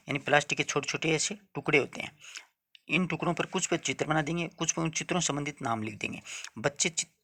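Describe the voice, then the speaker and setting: Guy giving an exam-prep lecture, bright clear voice, repeats stuff and asks if you got it. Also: a little high. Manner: explains step by step, repeats points, checks understanding. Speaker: teacher.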